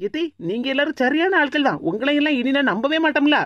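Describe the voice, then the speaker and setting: A woman voicing a sharp-tongued young wife in Tirunelveli Tamil. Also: sits high, fast talker, no room sound, highs cut off, lightly acted. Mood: sarcastic. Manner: sarcastic, defiant.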